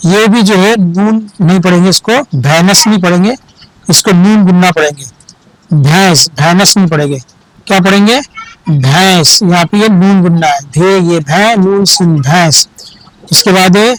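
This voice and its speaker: A man teaches children to read Urdu, spelling each word out letter by letter before saying it whole. He talks at an extremely slow, deliberate pace and keeps repeating words to correct misreadings. The sound is dry and close, with no room echo. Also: high voice, a bit bright.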